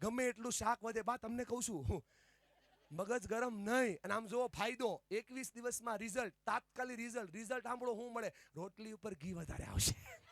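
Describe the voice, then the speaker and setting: A man giving an animated motivational speech to a family gathering, leading the crowd in call-and-response chants. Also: very high voice, moderate pace. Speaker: motivational speaker. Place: outdoor party venue.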